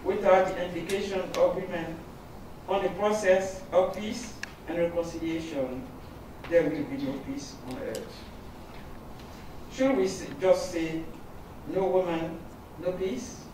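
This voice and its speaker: A man's voice: high voice, measured pace, long pauses. Rallying man speaker in a noisy hall. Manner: declamatory, rallying. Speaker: panel speaker. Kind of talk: prepared speech at a forum. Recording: noisy echoey hall from far off.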